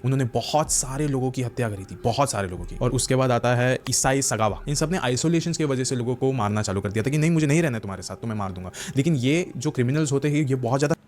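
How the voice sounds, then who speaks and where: A man narrating a horror story dramatically, acting out the characters' lines. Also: medium pitch.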